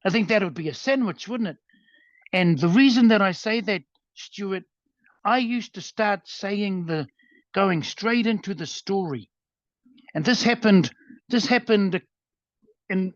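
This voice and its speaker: A man's voice: high voice, dry recording. A man with a New Zealand accent, coaching as a guest presenter over a video call, earnest and often restarting his words. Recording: dull, dry lo-fi video call audio.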